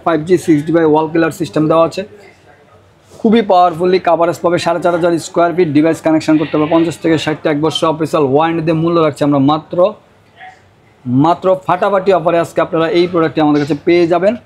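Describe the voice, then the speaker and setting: A Bangladeshi man gives a hard-sell sales pitch in a high voice. He rattles along quickly as the presenter, insistently repeating prices and offers. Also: a little mellow. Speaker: router seller presenting deals.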